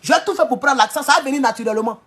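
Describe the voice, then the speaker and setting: A man giving a heated political monologue, hammering rhetorical questions and sometimes shouting. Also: very high voice, very fast. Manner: emphatic, repeats rhetorical questions, bursts into shouting. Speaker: political commentator.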